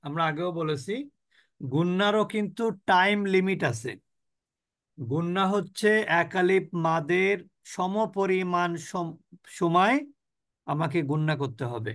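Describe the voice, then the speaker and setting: A man from Bangladesh with a Bangladeshi Bengali accent teaching a Quran recitation class online, explaining rules, asking and answering his own questions, and drawing out sounds slowly for students to repeat. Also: high-pitched, a bit bright. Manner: asks the class questions and answers them himself. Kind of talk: online tajweed lesson with slow recitation drills.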